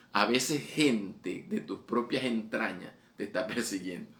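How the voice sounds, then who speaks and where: A man with a fairly low, fairly bright voice preaches fervently. He repeats phrases, and his voice rises on the quoted exhortations.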